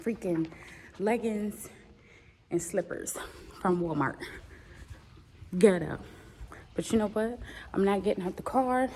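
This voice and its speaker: A woman's voice: medium pitch, takes it slowly, pauses often, a little mellow, slight background noise. A young woman chatting casually and bluntly to her viewers in a vlog, swearing freely, recorded on a handheld phone. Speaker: vlogger.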